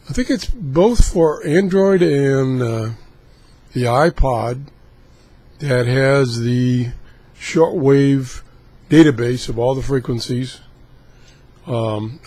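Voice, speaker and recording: Slow, husky man thinking aloud. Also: medium pitch, mellow. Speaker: radio hobbyist host. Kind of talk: casual live demonstration of scanning shortwave.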